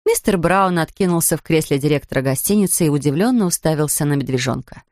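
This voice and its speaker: A woman narrating a children's story in an expressive, steady reading style. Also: sits low, fast talker, no room sound, clean studio sound. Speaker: audiobook narrator.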